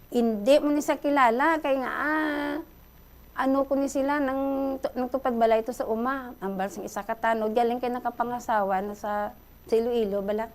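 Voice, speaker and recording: A middle-aged Filipina with a Hiligaynon accent, calling in to a radio show and excitedly retelling a story. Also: female voice, a little high, normal speed. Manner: excited, breathless retelling, addresses host often. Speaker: caller.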